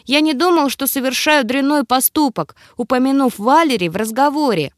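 A woman's voice: high-pitched, moderate pace, no echo, studio quality, voice pushed up, close to an everyday voice. A woman voicing a scared young male battle mage who pleads and whimpers in an audiobook. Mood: confessing.

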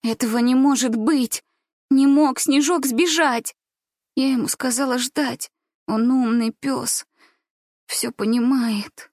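A woman's voice: high voice, steady tone, slow, a little mellow, dry recording, clean studio sound, pitched above the performer's own voice, full character voice. A woman voicing a frightened, desperate young girl who pleads and cries out accusations. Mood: frantic.

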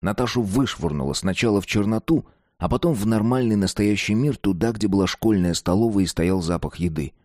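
Male narrator, very low voice, slow deliberate reading, dry close recording. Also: a little mellow, no room sound. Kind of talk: scripted narration of a dark story.

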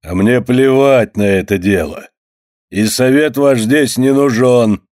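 Brief: male reader voicing a brutal barge owner, slow and menacing, dry close sound. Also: lowish voice, no echo. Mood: contemptuous. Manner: coarse, threatening, loud. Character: rough bullying barge owner, middle-aged man.

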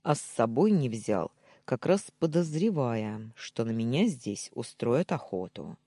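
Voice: medium pitch, sing-song, unhurried, mellow, husky, dry recording, heavily acted. A narrator voicing the hero, a brooding young man bent on revenge, speaking grimly.

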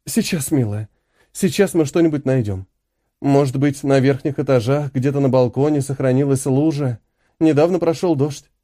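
A man voicing a gentle, worried mother of a fleeing family, speaking softly and soothingly. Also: medium pitch, moderate pace, no room sound, studio quality, close to an everyday voice. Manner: soft, soothing.

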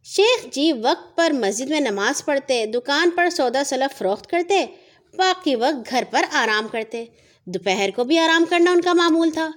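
Woman storyteller, high voice, calm measured reading for kids. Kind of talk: children's audio story narration.

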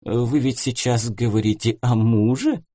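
A man's voice: medium pitch, a little slow, warm tone, dry recording, studio quality, lightly acted. A man voicing a prim lady customer who speaks in flustered, gasping exclamations.

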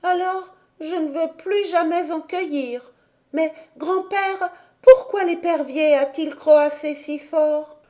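A woman voicing an eager, curious little mountain girl asking questions in a high voice. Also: slow pace, mellow.

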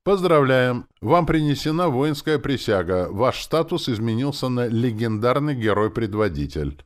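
A man's voice: medium pitch, very animated, normal speed, voice pushed up, close to an everyday voice. A man voicing a formal magical system message in an audiobook, read like an official notice. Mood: announcing.

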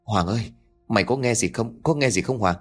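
A man's voice: mid-range voice, animated, fast, faint music behind, lightly acted. A man voicing a frightened, superstitious male truck driver warning his nephew. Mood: scared. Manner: anxious, trembling.

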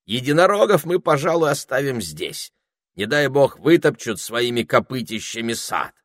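A man's voice: medium pitch, sing-song, moderate pace, fairly bright tone, dry recording, studio quality, pitched above the performer's own voice. A man voicing a bossy, snappy male parrot in an audiobook. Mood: chatty. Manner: snappy, chatty, impatient. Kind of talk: audiobook character voice.

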